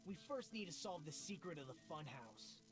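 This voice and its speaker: Player doing smug teasing young man, lively pitch, music behind. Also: moderate pace, natural voice. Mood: condescending. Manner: condescending, teasing. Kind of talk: fan voice reading of game lines.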